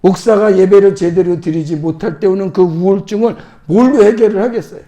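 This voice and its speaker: A middle-aged male pastor delivering a sermon, acting out quoted prayers in a hushed, pleading voice. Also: high voice, fairly quick.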